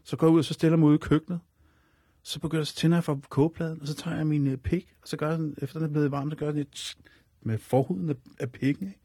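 A man's voice: fairly high pitch, steady tone, mellow, slightly rough, dry recording, clean studio sound. A man telling a personal story as a radio guest, in a rambling, repetitive way. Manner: rambling and repetitive, leaning on fillers.

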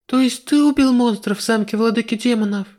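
A man voicing a young woman hero who speaks in shrill, startled outbursts, in a high voice. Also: a little fast, a little mellow. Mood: alarmed.

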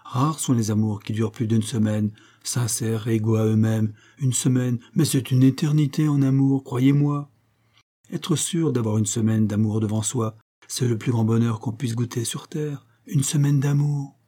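A man's voice: medium pitch, steady tone, moderate pace, dark tone, close to an everyday voice. A suave mocking master criminal, read by a man. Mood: taunting. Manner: smooth, mocking, falsely polite. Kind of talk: scripted audiobook reading.

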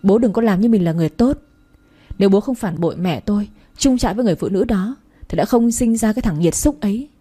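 Woman reading as a drunk heartbroken young man, slurred, bitter, husky low tone, storybook reading. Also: expressive, quick pace, dark tone. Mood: defiant.

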